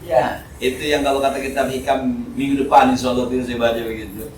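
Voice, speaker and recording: A man with a Jakarta Betawi accent giving an informal, joking sermon at a mosque study session, swinging between loud and soft. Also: mid-range voice, little pitch movement, fast talker, slight background noise. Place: mosque hall. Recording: echoey hall, speaker far from mic.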